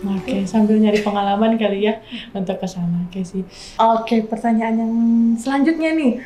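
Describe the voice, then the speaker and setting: A woman's voice: medium pitch, moderate pace, warm tone, reverberant, faint music behind. A woman hosting a podcast in a casual, chatty, upbeat way, agreeing often. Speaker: podcast host. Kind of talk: casual interview chat.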